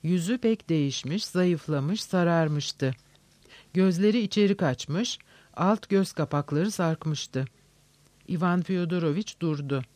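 Higher-voiced man reading a novel. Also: takes it slowly, darkish tone, no echo. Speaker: narrator. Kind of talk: audiobook narration of a novel.

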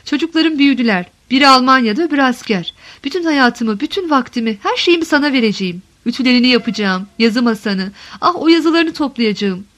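A desperate middle-aged wife pours out her longing in a high, tender voice, read by a woman. She pleads and insists with deep emotion, as in an audiobook of a literary novel. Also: expressive, fairly quick, hardly any pauses, fairly bright tone. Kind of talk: audiobook reading.

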